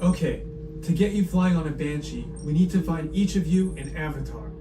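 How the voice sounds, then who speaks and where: A man's voice: fairly high pitch, animated, moderate pace. A man working as a theme park guide, delivering a scripted briefing to guests. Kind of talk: scripted live attraction briefing. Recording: echoey room, distant, noisy.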